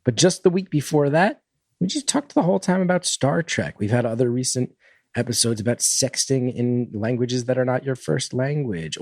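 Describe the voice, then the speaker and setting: A man's voice: medium pitch, a little mellow, dry recording. Man giving an earnest podcast promo, dry sound. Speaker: podcast host.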